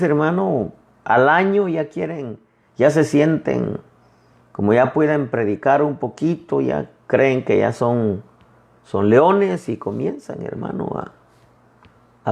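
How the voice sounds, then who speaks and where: Male pastor, conversational sermon, animated pitch, gravelly tone. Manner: conversational preaching, addresses listeners as brother; retells dialogues in lively quoted voices.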